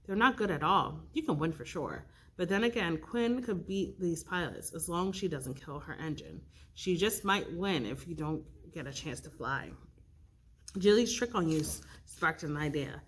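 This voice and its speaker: A woman reading an interactive storybook aloud, expressive and stopping to pick the story's path. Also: sits low, moderate pace, husky. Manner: expressive, with slips and restarts, rolling dice for choices. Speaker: youth librarian reading aloud.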